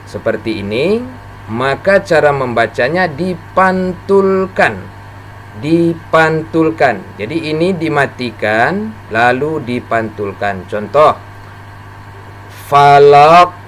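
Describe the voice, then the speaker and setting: Slow, patient male recitation teacher. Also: on the high side, a little hiss or hum. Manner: slow, patient, models sounds for pupils to repeat. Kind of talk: Quran recitation lesson for children.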